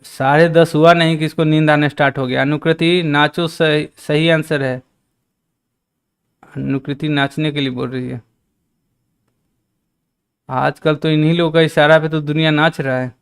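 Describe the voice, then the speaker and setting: Male maths tutor, live-stream lesson, chatty, fairly high, smooth clear voice. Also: fairly even intonation, moderate pace, long pauses. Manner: chatty teacher, reads out and teases chat. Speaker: maths teacher.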